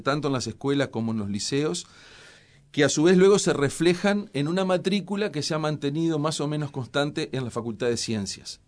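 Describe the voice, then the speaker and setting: Measured Uruguayan man explaining science. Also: mid-range voice. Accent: Uruguayan Spanish. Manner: measured, explanatory, many hesitations. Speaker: scientist guest. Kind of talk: radio interview answers.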